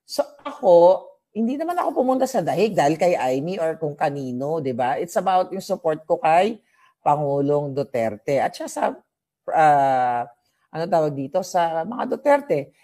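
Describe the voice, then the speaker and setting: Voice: mid-range voice, big pitch swings, normal speed, dark tone. A political vlogger from the Philippines, chatting casually on a livestream, gossipy and mixing English into the talk, often addressing viewers directly. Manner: talks straight to viewers and their comments.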